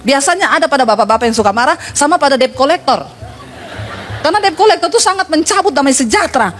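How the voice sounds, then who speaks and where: A woman pastor with a high voice preaching to her congregation. She tells stories with humor and speaks straight to her listeners. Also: lively intonation, fast talker, slight background noise. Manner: humorous storytelling, addresses congregation. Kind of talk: sermon.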